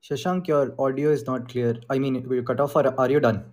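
A man's voice: medium pitch, steady tone, fairly quick, darkish tone. Casual Indian-accented man hosting a group call. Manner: informal, mixes Hindi phrases into English. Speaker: host of an online group call on crypto investing.

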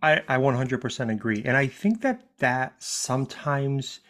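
A man's voice: medium pitch, lively intonation, moderate pace, a bit bright. A man in his thirties co-hosting a podcast, candid and swearing casually, stretching words for emphasis. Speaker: podcast co-host. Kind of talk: casual grief podcast chat.

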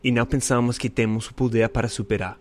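A man's voice: mid-range voice, steady tone, fast. A man from the United States, a native English speaker, hosts a casual motivational podcast in American-accented Portuguese, using simple learner phrasing and repeating for emphasis. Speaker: podcast host.

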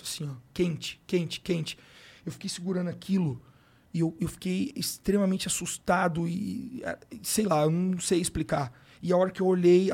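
A man's voice: high voice, a little mellow. A middle-aged man with a Brazilian Portuguese accent telling an emotional personal story in casual slangy chat as a podcast guest. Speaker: sports coach, podcast guest.

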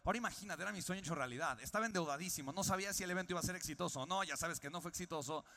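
A man's voice: high-pitched, very fast. A young Mexican man with a Mexican Spanish accent, a podcast host telling a personal story and acting out the voices of the people in it. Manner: animated storyteller, acts out quoted voices. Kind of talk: storytelling monologue. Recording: long reverb on the voice.

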